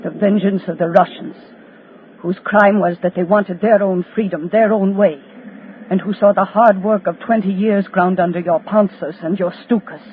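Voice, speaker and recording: Wartime radio drama: female actor as avenging prisoner taunting her executioners in slow chant-like phrases, faint hiss, narrow old broadcast band. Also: medium pitch, steady tone, close to an everyday voice. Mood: solemn, menacing. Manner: solemn, incantatory, taunting, dramatic pauses. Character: defiant condemned woman, unkillable avenging accuser of Nazis. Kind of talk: 1940s radio drama monologue. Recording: thin, scratchy 1940s radio broadcast.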